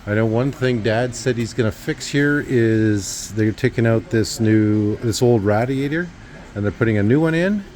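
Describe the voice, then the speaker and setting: A man vlogs a casual walkthrough of a repair shop as a shop update, speaking at a normal speed in a medium-pitched, darkish voice. His talk rambles, heavy with uhs, fillers and restarts.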